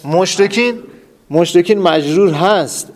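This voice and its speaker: A man teaching a class, quizzing students with repeated questions and drilling terms emphatically. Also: high voice. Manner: repetitive quizzing, asks and answers his own questions. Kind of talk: classroom lesson.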